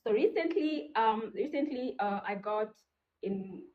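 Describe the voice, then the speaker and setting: A woman's voice: on the high side, lively intonation, unhurried. A woman in her twenties from Rwanda, calling into a show and speaking hesitantly, with lots of fillers. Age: 20s. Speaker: caller. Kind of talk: casual call-in talk. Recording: dull call audio.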